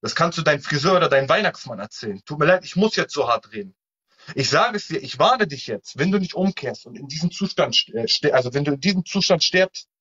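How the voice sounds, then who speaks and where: A man with a high voice admonishes in a heated live-stream debate, repeating fire-and-brimstone warnings again and again. The audio is muffled and lo-fi, like a live-stream capture. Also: a bit bright. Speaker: online evangelist.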